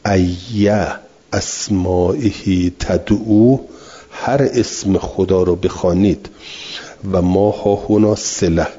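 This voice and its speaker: A man's voice: low voice, warm tone, husky. A man teaching a class, reading a text aloud and then explaining it patiently with repetition and answering students. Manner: answers students' questions directly. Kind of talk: classroom lecture on scripture. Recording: dull lo-fi recording.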